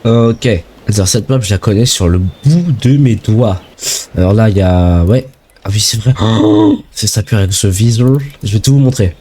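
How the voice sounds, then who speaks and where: Excitable young French gamer, mellow voice. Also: male voice, on the low side, normal speed. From France. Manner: excitable, slangy, chatty. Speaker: gaming video creator. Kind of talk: casual let's-play commentary.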